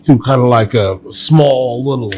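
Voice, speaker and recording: A man's voice: mid-range voice, unhurried, a little mellow, a little hiss or hum. A man hosting a movie reaction, chatting to viewers with teasing asides. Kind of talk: casual reaction commentary.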